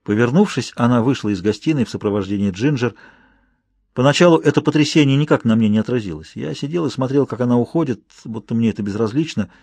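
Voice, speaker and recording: A man narrating an audiobook in the first person, in a calm, measured reading. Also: medium pitch, no room sound.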